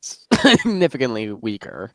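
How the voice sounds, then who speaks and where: A man's voice: medium pitch, huge pitch swings, a little slow, dry recording, studio quality. A man chatting casually about fictional lore, rambling with lots of fillers and restarts while eating, so he sounds slightly muffled. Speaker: guest worldbuilder.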